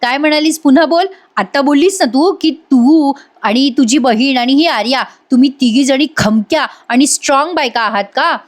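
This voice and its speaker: A cruel, scheming middle-aged aunt who gloats and taunts, as a woman voices her while retelling a serial. The tone is mocking and sits a little high. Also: moderate pace, close to an everyday voice. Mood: gloating, taunting.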